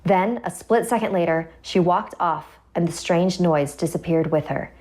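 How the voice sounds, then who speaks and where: A woman's voice: fairly low pitch, normal speed, a little mellow. A woman narrating a scripted first-person horror story, with music behind her voice.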